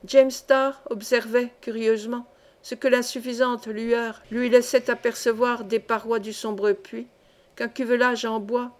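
A woman narrating a classic adventure novel in a steady, phrase-by-phrase reading. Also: a little high. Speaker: audiobook reader.

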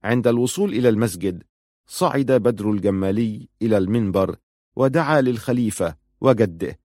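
A man narrating a historical novel in a measured, even storytelling manner. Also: on the low side, no room sound, studio quality.

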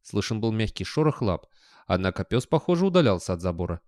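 A man narrating an audiobook in a measured, expressive reading. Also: fairly low pitch, no echo, clean studio sound. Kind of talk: scripted narration.

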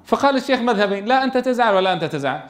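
A man's voice: very high-pitched, lively intonation, racing. A man teaching a tajweed lesson in a classroom, keeps asking his students questions and answering them himself. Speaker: Quran recitation teacher.

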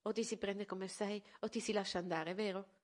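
Donna che interpreta madre di mezza età, severa e poi dolce, voce media. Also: female voice, mid-range voice, fairly even intonation, normal speed, lightly acted. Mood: tender. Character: stern but loving middle-aged mother.

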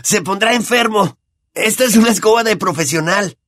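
A man voicing an excitable, impatient teenage boy in an audiobook, eager and boisterous. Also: high-pitched, normal speed, no echo, clean studio sound, pitched above the performer's own voice. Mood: excited.

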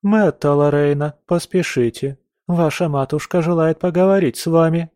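A breathless maid shouts urgently for her mistress in a high, loud voice, as a male narrator puts her on. It is an audiobook character voice. The recording is dry. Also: normal speed, dry recording, natural voice. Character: breathless young maid calling out.

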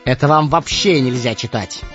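A man's voice: mid-range voice, normal speed, lightly acted. A sly young mage, put on by a male narrator, urgent and ingratiating, hammering out the same warnings. He sounds a little distant and heightened, set in dull lo-fi audio with music beneath. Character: cunning young male mage-servant, insistent.

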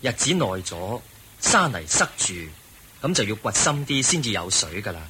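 An actor playing the Buddha in a radio drama, a calm, wise teacher speaking in a measured, solemn way. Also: male voice, medium pitch, a little hiss or hum, low-quality recording. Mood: calm, instructive. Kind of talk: Cantonese radio drama acting.

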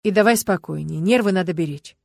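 A weary, stern male police investigator, as a female audiobook reader puts him on, voice dropped somewhat low. He lectures in a tired, even way. The recording is close and dry. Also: brisk, vocal fry, dry recording.

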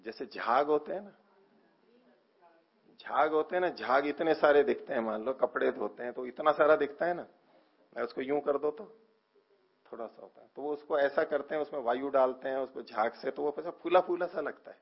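A man teaching a scripture lecture, explaining slowly, asking questions and answering them himself, often trailing off softly at the ends of phrases. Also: mid-range voice, creaky, husky, dull audio. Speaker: teacher of philosophy.

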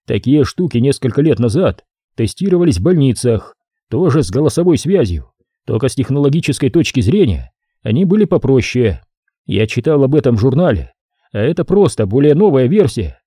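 A weary, restrained detective, read by a male narrator close to his own voice. He speaks in a dry, measured, faintly sardonic way. The tone is very dark and husky, in a dead, dry booth. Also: mid-range voice, big pitch swings, no echo. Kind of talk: audiobook character voice.

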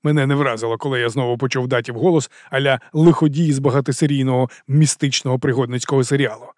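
A man narrating a first-person audiobook in a brisk, matter-of-fact way. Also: medium pitch, fairly even intonation, darkish tone, no echo, studio quality.

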